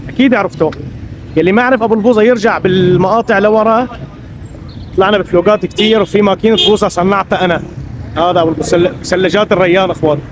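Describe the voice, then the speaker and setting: Fast-talking, high-pitched Syrian man vlogging. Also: steady tone. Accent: Syrian Arabic. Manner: chatty, addresses viewers as brothers. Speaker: vlogger interviewing locals. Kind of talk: casual street vlog chat. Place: outdoors on a town street. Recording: clear traffic noise, outdoor street.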